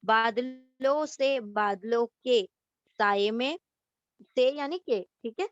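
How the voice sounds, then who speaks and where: A woman's voice: on the high side, no room sound, muffled recording. A woman giving a Quran lesson word by word, repeating each gloss and asking questions as she explains.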